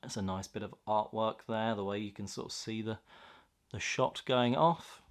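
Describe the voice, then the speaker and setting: A man's voice: on the low side, moderate pace, clear, resonant tone. A man chatting casually and enthusiastically as he hosts an unboxing, reacting aloud to what he finds. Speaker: host of a card pack opening video.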